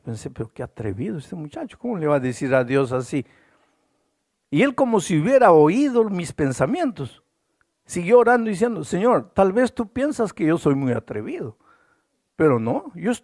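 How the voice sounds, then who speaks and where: A man's voice: a little high, gravelly, darkish tone, no echo, clean studio sound. A man preaching a sermon as pastor, telling a story and acting out the dialogue with big swings in voice.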